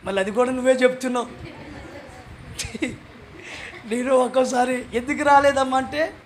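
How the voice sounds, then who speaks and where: A male pastor preaching a sermon in a chatty way, acting out little exchanges and breaking into shouted calls for hallelujah. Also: very high-pitched, normal speed, a little hiss or hum. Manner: conversational, acts out little dialogues.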